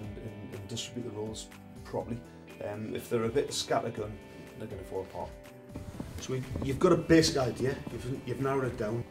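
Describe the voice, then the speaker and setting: A creative director coaching a student team in a brisk, emphatic way that repeats the key points. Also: male voice, mid-range voice. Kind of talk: coaching advice.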